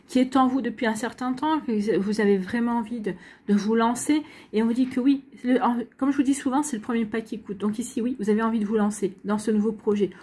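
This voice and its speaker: A woman's voice: on the high side, darkish tone, breathy edge. A French woman giving a casual, rambling astrology reading to her viewers, full of restarts and reassurance. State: hiccups. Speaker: astrology and tarot reader.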